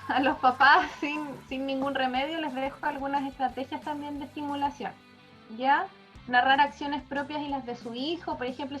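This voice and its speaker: A woman's voice: high-pitched, fairly bright tone. A woman with a Chilean accent, a speech therapist giving parenting advice, checking in with her listeners as she explains. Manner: checks in with a frequent "¿ya?".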